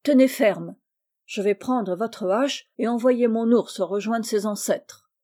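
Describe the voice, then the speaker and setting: A woman voicing a desperate woodcutter man who shouts for help and then schemes, in a storybook reading. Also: a little high, slow. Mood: eager scheming.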